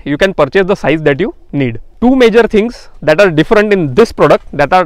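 A young man from India stands in an open farm field, earnestly demonstrating hand weeders to camera. His voice sits fairly high and the sound is dry and close, with no room around it. He recommends each tool plainly, dropping in "uh" fillers as he goes. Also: no echo. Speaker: farm tool seller and channel host. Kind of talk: product demonstration talk to camera.

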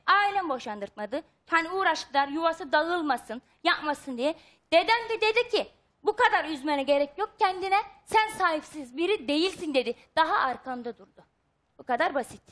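A woman's voice: very high-pitched, very animated, normal speed, a bit bright. A woman guest on a studio talk show who speaks insistently and pleads her case in a raised voice. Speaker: studio guest, victim's granddaughter. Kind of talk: heated talk show exchange. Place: television studio.

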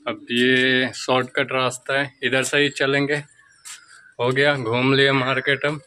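A man's voice: medium pitch, level tone, unhurried, bright, forceful tone, smooth, poor audio. A young man filming a casual vlog on a phone held at arm's length, guiding viewers around his shop and a village market. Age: young adult. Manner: chatty guide, points things out to viewers. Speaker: vlogger.

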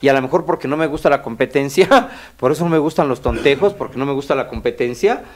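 Talking fast in a mid-range voice, this Mexican Spanish-accented co-host chats casually on the radio, laughing often and speaking about himself with blunt candor.

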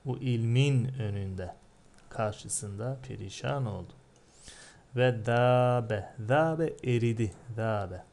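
A man's voice: on the low side, a little mellow, slight background noise. A man teaching an Arabic religious text word by word, asking and answering his own questions and lifting his voice on recited phrases. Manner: rises sharply when reciting Arabic phrases.

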